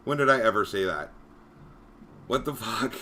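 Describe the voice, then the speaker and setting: A man's voice: fairly low pitch, lively intonation, normal speed, sharp tone, slight background noise. A man who moderates a Discord, ranting on a livestream in an exasperated, profane way. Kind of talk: livestream rant.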